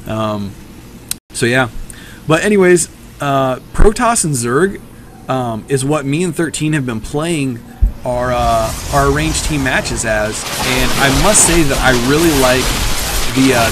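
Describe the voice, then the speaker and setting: A very tired man casually commenting on a replay of his own match late at night, rambling with many ums and uhs. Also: medium pitch.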